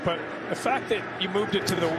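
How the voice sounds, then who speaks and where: Male football analyst, raised pitch, conversational game breakdown, very noisy stadium broadcast. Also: brisk.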